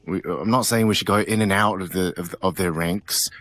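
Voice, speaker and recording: A man playing a tabletop game, talking casually in a halting, hesitant way. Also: low-pitched, fairly bright tone. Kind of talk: in-character casual game talk.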